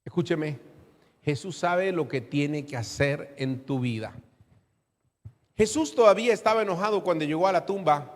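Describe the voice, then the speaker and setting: A man's voice: on the high side, moderate pace, long reverb tail. A man preaching an emphatic, dramatic sermon and calling out to his congregation.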